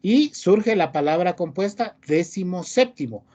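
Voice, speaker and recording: In an online class lecture, a male teacher reads rules aloud and explains them, often finishing phrases with a question to check on his students. His voice is high-pitched, expressive and warm, and he speaks at a measured pace.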